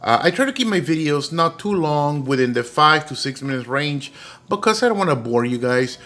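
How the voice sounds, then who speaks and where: A middle-aged man telling a childhood story at home for his vlog, rambling with many fillers and jumping into a high voice for quoted lines. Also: very animated, moderate pace, bright, forceful tone. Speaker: doll collector vlogger.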